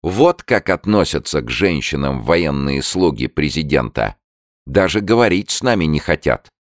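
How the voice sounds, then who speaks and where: A man's voice: extremely low pitch, lively intonation, moderate pace, no echo, studio quality. A man reading an audiobook, voicing a woman who leads a delegation and insists and protests. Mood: insistent, aggrieved.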